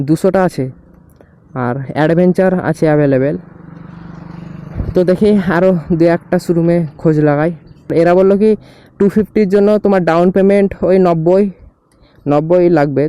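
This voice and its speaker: A man's voice: a little high, mellow, smooth, dry recording. A young man with a West Bengal accent chats casually to vlog viewers from inside a helmet. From West Bengal, India. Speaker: motovlogger, host. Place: outdoors on a motorbike, inside a helmet. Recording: noisy outdoor road and vehicle sound.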